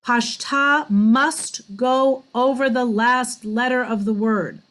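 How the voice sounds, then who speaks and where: A woman teaching cantillation in a class, explaining slowly and chanting the syllables in a drawn-out sung voice. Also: fairly high pitch, fairly even intonation, a bit bright, low-quality recording. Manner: wry and self-deprecating with small laughs. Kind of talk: online class teaching Torah trope.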